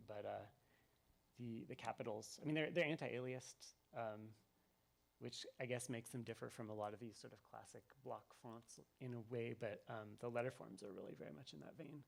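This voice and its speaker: At an event venue with an audience, a male game developer gives live commentary in a thoughtful, rambling way full of ums and restarts. His mid-range voice is a little fast and creaky.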